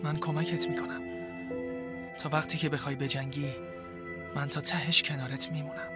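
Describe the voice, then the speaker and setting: A man plays a caring young man in a dubbed drama who quietly persuades a friend. His voice sits fairly high for a man. Loud music runs underneath. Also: level tone, close to an everyday voice. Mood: earnest. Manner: gentle, earnest, persuasive. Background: background music.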